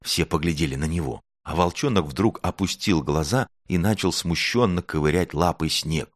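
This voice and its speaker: Deep-voiced man reading a fairy tale. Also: moderate pace, dry recording, clean studio sound. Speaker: narrator. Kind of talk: storybook reading.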